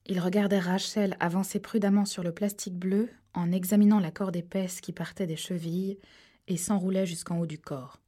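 A woman reading a suspense novel aloud, steady and measured. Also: on the low side. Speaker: audiobook narrator. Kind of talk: scripted narration.

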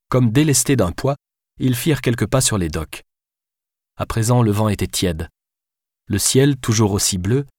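A man reads a novel aloud in a steady, measured way. His voice sits low. The sound is dry and close, with no room around it. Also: no room sound. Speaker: audiobook narrator. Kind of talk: scripted narration.

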